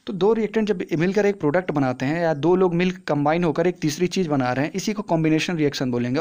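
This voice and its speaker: A man's voice: on the high side, darkish tone. Chatty young male science teacher. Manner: chatty, asks and answers own questions. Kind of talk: casual classroom explanation.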